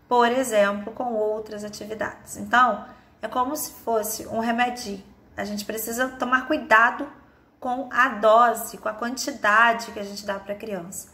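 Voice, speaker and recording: A woman with a Brazilian Portuguese accent teaching an online lesson, explaining step by step and drawing out example words slowly. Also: mid-range voice, bright, forceful tone. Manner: patient, explains step by step with many "né?" and "tá?". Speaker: teacher of a course.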